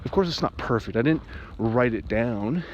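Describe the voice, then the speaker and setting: A separated father giving an emotional personal monologue, agitated and rambling, with restarts and sudden jumps in pitch. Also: expressive, normal speed. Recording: muffled, with faint background hiss.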